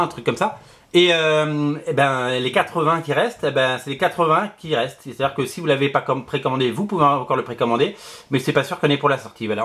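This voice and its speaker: A man's voice: medium pitch, fairly bright tone. A man with a lisp and slushy s sounds, giving casual promotional chat to viewers as a shop seller, hesitant and repeating his phrases. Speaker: comic shop seller presenting his show.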